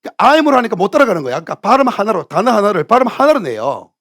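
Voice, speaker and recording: A middle-aged male pastor giving a lively sermon, teaching as he goes and drilling English words aloud by repeating them. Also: high voice, racing.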